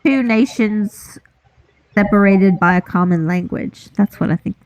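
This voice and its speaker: A woman's voice: mid-range voice, measured pace, a little mellow, no room sound. A woman co-hosting a casual chat, playful and chatty as she tastes snacks. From USA. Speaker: co-host. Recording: dull lo-fi audio.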